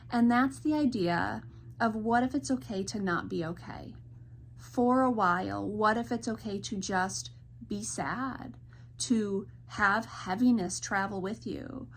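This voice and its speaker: Earnest woman counselor, gentle and reassuring. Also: medium pitch, a little hiss or hum. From Michigan. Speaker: licensed counselor. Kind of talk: reflective talk to camera.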